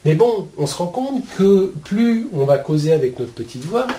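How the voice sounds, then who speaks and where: A man teaching spiritual ideas to his viewers in a casual, colloquial way, with a steady stream of "hein" and "euh". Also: high-pitched, moderate pace, slight background noise. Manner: chatty, explains with homely metaphors.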